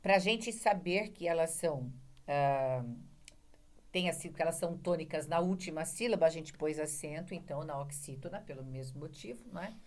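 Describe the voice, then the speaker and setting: A woman's voice: low-pitched, normal speed. A woman with a Brazilian Portuguese accent giving an online grammar lecture, explaining step by step and checking in with her listeners. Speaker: Portuguese language teacher.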